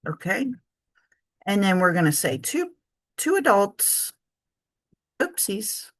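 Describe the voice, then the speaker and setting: A very animated but unhurried woman with a medium-pitched voice leads a casual screen-share tutorial on her travel business spreadsheet. Hiccuping throughout, she chats and thinks aloud, peppering her talk with ums and fixing her own slips.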